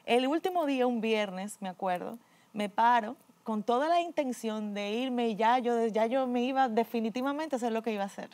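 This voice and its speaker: A middle-aged woman, earnestly telling her personal faith testimony, often dropping to a quiet voice. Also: fairly high pitch, moderate pace. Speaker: guest giving a testimony.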